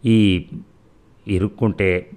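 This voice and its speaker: A man reading the lines of a kind older father who reasons calmly and firmly. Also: deep voice, drawn-out words, clear, resonant tone. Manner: calm, reasoning and firm. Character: kind, firm older father, aging gentleman.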